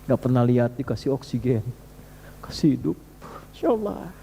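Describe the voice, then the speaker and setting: A man's voice: normal speed, creaky. A man preaching a sermon to a live congregation, telling a story with quoted voices and rhetorical questions, now and then reciting Arabic verses. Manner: animated storytelling with wide pitch swings and rhetorical questions. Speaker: Islamic preacher. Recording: long hall reverb with faint hum.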